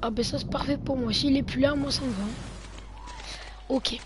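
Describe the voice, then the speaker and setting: A male gamer provides let's-play commentary, guiding viewers through his gameplay and frequently muttering half to himself between remarks. His extremely high voice stays steady at a moderate pace, captured in a noisy home recording.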